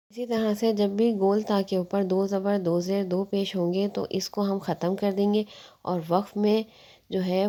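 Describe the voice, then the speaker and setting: A woman with a Pakistani Urdu accent teaching a tajweed lesson, explaining step by step and slowly chanting verses as examples. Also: mid-range voice, dark tone. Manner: patient, step-by-step explanation, slow melodic recitation of verses. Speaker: Quran recitation teacher.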